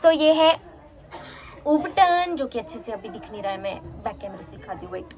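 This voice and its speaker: A young woman chatting fast in a casual home vlog, talking into a handheld phone. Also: on the high side, very animated, a little mellow, soft background music. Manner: chatty, mixes in English words. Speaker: vlogger. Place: at home, indoors and on a terrace.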